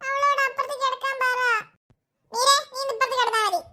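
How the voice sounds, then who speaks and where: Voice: extremely high pitch, steady tone, brisk, sharp tone, slight background noise, exaggerated voice. A voice actor playing a tired, scolding cartoon mother. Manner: scolding, exasperated.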